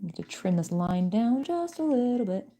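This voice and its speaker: A young woman streaming while working on an animatic, chatting casually in a soft-spoken way, with frequent fillers and small laughs. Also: mid-range voice, big pitch swings, moderate pace, soft background music. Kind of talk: casual chat.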